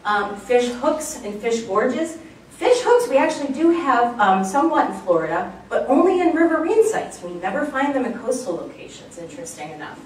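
A woman's voice: on the high side, big pitch swings, normal speed. A woman giving a chatty, enthusiastic public lecture on archaeology, with many fillers. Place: lecture room, recorded from far off. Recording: very echoey room, distant mic, faint background noise.

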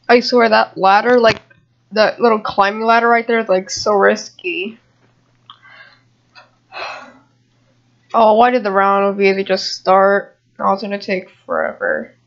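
Over his own gameplay, a gamer talks casually in a plain, mid-pitched voice that is still expressive and fairly bright. He goes slowly with long pauses, rambling and muttering asides to viewers. The home computer mic gives a dull, lo-fi sound.

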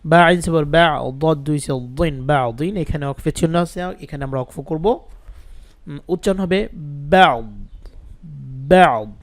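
Male recitation teacher, slow and patient letter-by-letter spelling, clean close voice, higher pitched. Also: no echo. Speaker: Quran teacher. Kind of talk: spelled-out Quran recitation lesson. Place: indoors, rain audible outside.

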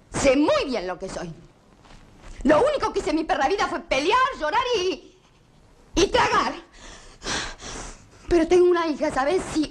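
A woman's voice: fairly high pitch, close to an everyday voice. An actress playing a stubborn, patriotic working-class mother with a Rioplatense Argentine accent, talking in an emotional, insistent way. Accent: Rioplatense Argentine Spanish. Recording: 1980s film soundtrack, faint hiss.

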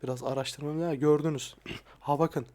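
A young man talking casually and softly, often swearing, as he looks back at his old videos. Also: steady tone, moderate pace. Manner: crude, frequent swearing; soft-spoken, dropping voice low at times. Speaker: ASMR YouTuber. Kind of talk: casual soft-spoken vlog. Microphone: lapel mic.

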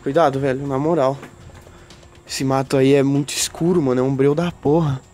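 A man's voice: medium pitch, fairly even intonation, moderate pace, a little mellow. A young Brazilian man talking nervously and in slang to viewers in a casual night vlog shot outdoors. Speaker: vlogger exploring at night. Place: outdoors at night at a country house. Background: music.

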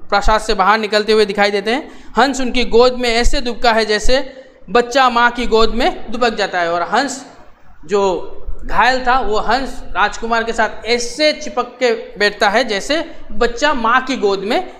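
Male teacher, high-pitched, reads a play line by line and re-explains each in simpler words. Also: unhurried, pushed and bright, slight background noise. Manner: repeats each line, then paraphrases it plainly. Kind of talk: reading and explaining a play in a class lesson.

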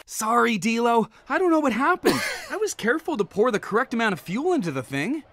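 An actor voicing an excitable little dinosaur host in a cartoon, announcing prizes and contests in a booming, grandiose way with stretched-out words. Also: a little fast. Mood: dry, composed. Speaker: sports event announcer. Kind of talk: cartoon commentary. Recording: loud music behind the voice.

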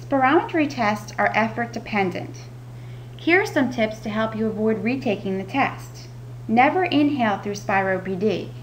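A woman's voice: fairly high pitch, rough recording. A woman giving scripted instructional narration as a patient education specialist. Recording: audible background noise with hum.

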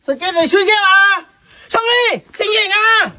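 A man's voice: very high-pitched, normal speed, pushed and bright, heavily acted. A man playing a distraught trafficker in a rural comedy skit. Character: distraught male trafficker calling to his fallen accomplice. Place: outdoors at a village house.

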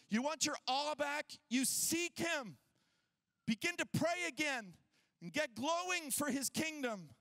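A male pastor preaching a sermon at a conference, energetic and casual, joking and using slang. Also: very high voice, no room sound. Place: conference stage before a crowd.

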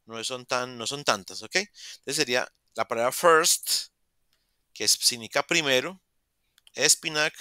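A man's voice: mid-range voice, moderate pace, sharp tone, dry recording, clean studio sound. A man, teaching English in a virtual class and patiently repeating words to model pronunciation. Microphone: video call.

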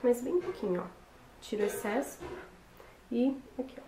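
Casual tutorial host: young woman, voice hoarse from a cold, recorded in a roomy bedroom with faint noise. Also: fairly high pitch, lively intonation, normal speed, dark tone. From Brazil. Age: young adult. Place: small bedroom, indoors. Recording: roomy echo with background noise.

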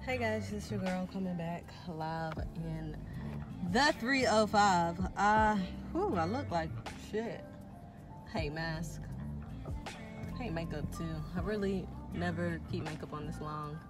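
A woman's voice: on the low side, takes it slowly. A young woman, chatting casually and rambling in a self-deprecating, slangy way while driving, a little out of breath. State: slightly out of breath. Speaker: vlogger. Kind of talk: casual driving vlog chat. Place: in a car. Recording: clear background music.

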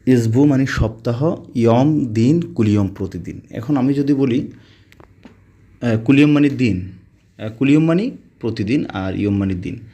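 Man teaching Arabic words, mellow voice. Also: medium pitch, lively intonation, breathy edge. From Bangladesh. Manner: slow, repetitive word-by-word explaining. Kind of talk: spoken vocabulary lesson.

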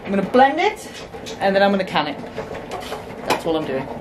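A woman's voice: medium pitch, sing-song, fairly quick. A woman in her thirties, chatting casually and explaining as she works in a small home kitchen, recorded on a camera mic. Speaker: homestead vlogger. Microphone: camera mic on the counter. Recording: noisy kitchen camera audio.

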